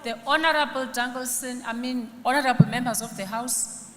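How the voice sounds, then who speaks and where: A South African woman chairs a parliamentary sitting in a stern, admonishing manner. Her voice sits a little high. Clear noise and long hall reverb surround it. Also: fairly even intonation, a little fast. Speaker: legislature speaker presiding. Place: large legislature chamber. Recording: noisy reverberant chamber.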